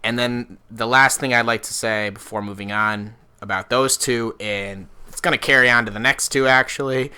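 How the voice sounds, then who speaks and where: A man's voice: mid-range voice, fairly even intonation, normal speed, hardly any pauses, bright, forceful tone, clean tone. A man co-hosting a podcast in a casual, opinionated chat, often restarting his sentences. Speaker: podcast co-host.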